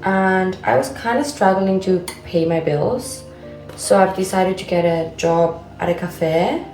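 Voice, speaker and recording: With a lowish, slightly mellow voice, she speaks unhurriedly as soft music plays and the recording sounds rough. The speaker is a vlogger in her twenties from Buenos Aires, Argentina, chatting casually as a native Spanish speaker with an Argentine accent.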